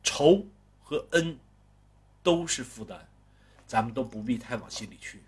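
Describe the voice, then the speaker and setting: A man voicing a calm, raspy gang boss from the northeast. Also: mid-range voice, a little slow. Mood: calm, advising. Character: worldly calm male gang boss, generous older brother.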